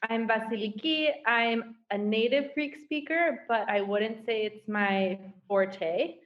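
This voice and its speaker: A woman's voice: a little high, slow. Woman from the US, interview guest, upbeat and chatty, video call audio, slightly muffled. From United States. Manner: upbeat, chatty, laughs easily.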